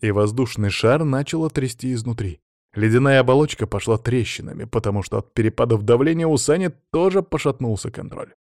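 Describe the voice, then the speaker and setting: A man narrating an audiobook in a steady, measured storytelling manner. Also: medium pitch, no echo, studio quality. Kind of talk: scripted narration.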